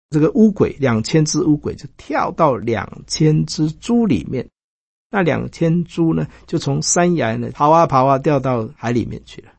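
A male pastor preaching a sermon in Mandarin, retelling Bible stories in a lively way and voicing the characters. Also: vocal fry, breathy edge, no room sound. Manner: lively storytelling, quoting characters with raised pitch.

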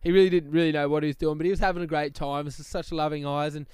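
A man's voice: on the high side, flat delivery, rapid-fire, darkish tone, clean tone, no echo, clean studio sound. A young Australian man co-hosting a casual comedy chat, laughing often as he tells stories. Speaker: co-host.

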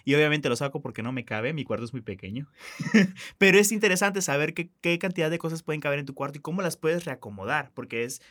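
A man's voice: fairly high pitch, lively intonation, fast talker, a bit bright. A man with a coastal Mexican accent co-hosting a podcast, chatting informally and chipping in with asides. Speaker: podcast co-host. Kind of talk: casual chat.

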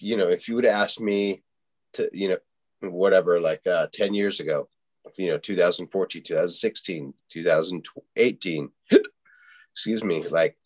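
A middle-aged man hosting a podcast in casual chat, rambling with lots of fillers and restarts, swearing freely, and fighting the hiccups. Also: deep voice. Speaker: podcast host.

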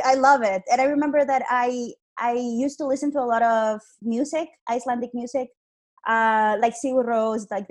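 A woman's voice: fairly high pitch, a little mellow. A woman in her twenties from Honduras, a podcast guest chatting casually over a call with many "like"s and restarts. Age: 20s. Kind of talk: casual interview chat. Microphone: video call.

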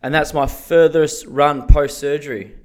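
A man's voice: on the high side, fairly even intonation, a little slow, a little mellow. A man with a broad Australian accent chats casually as a podcast co-host, blokey, slangy and sweary in a laid-back way. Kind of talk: casual chat.

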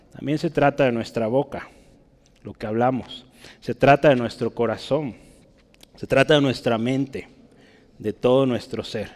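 A male preacher gives a teaching sermon in a slightly raised voice. He explains patiently and keeps checking that his congregation follows along. The sound carries a long reverb from the church hall. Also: a little high.

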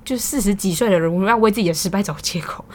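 Speaking quickly in a mid-range, slightly mellow voice, a young podcast host with a Taiwanese Mandarin accent recounts a story. She's casual and exasperated, venting and occasionally cursing.

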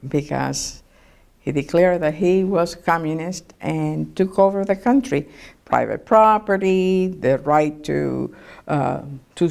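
An older woman from Cuba, earnestly sharing a personal reflection with measured pauses and fillers. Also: lowish voice, darkish tone. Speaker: oral history contributor. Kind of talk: personal reflection, recorded story.

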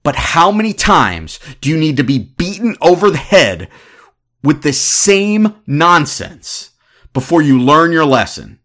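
A man in his thirties giving opinionated sports commentary as a podcast host, ranting in an animated, exasperated way. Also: a little high, measured pace. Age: 30s.

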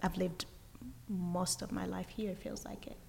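Woman from uganda chatting in an interview, low gravelly voice, lots of energy, restarts a lot, long reverb around her. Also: normal speed. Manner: energetic, thoughtful, many restarts. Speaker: guest. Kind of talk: casual interview chat.

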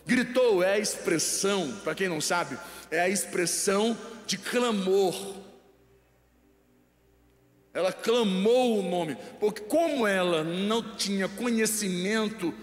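High-voiced Brazilian man preaching in a hall. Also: slow. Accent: Brazilian Portuguese. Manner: quizzes the congregation, letting them finish his sentences. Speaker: pastor. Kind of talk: live sermon. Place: large church hall. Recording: echoey church hall with long reverb.

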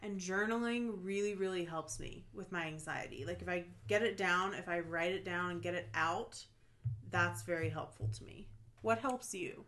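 Calm young woman podcast co-host. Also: lowish voice, moderate pace. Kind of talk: casual chat.

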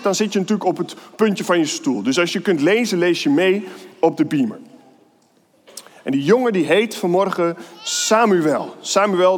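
A man giving a lively, playful children's sermon in church and reading a Bible story aloud. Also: sits high. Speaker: pastor. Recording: long hall reverb.

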